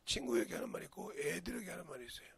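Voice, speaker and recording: A man's voice: a little high, very animated, very fast, a crowd in the background. An older man with a Jeolla Korean accent, a pastor preaching a folksy, storytelling sermon with sudden emphatic rises. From Jeolla region, Korea.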